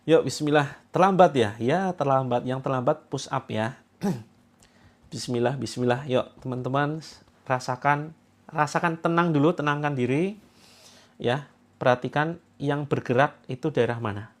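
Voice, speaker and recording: A man from Java, coaching a group through a healing session. He gives instructions, jokes, and breaks into loud commands. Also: medium pitch, normal speed. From Java, Indonesia.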